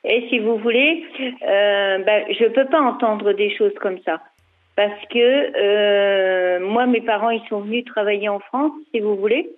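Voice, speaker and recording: A woman's voice: medium pitch, fairly even intonation, a little slow. A woman in her fifties of Portuguese family, a retired social mediator, talking hesitantly with many fillers on a radio phone-in. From Portugal (parents). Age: 50s. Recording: tinny phone line.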